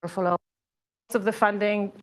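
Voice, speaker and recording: A middle-aged woman from Tunisia, an associate professor giving an academic seminar talk in a conversational way, pausing often with fillers. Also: medium pitch, fairly even intonation.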